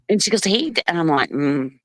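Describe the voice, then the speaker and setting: A woman telling family stories in a casual live chat, animated and laughing often. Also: on the low side, normal speed, breathy edge, no echo. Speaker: live stream co-host.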